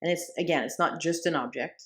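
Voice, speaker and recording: Chatty lower-voiced woman podcaster. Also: fairly quick. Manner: chatty, sarcastic asides, frequent "like" and "do you know what I'm saying". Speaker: podcast co-host. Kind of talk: casual conversational podcast chat.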